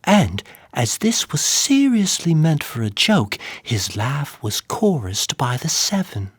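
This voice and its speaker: A man narrating a dark tale in a measured, dramatic manner, sinking to whispers. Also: a little high, big pitch swings, slightly rough, no room sound, studio quality. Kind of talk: dramatic story reading.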